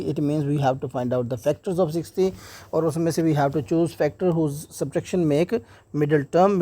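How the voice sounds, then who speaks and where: A man's voice: a little high, mellow, no room sound. A man teaching an exam maths lesson step by step, mixing English terms into Hindi and often saying "theek hai ji". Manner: slows right down when dictating English steps.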